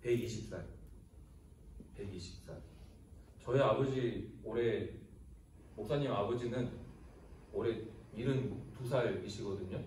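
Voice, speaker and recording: A man's voice: fairly low pitch, unhurried, pauses often, a little hiss or hum. A man in his thirties, a youth pastor, giving a casual sermon to teenagers and quizzing them as he tells the story. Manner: animated storytelling, asks the audience questions. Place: church hall. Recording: echoey room from a distance.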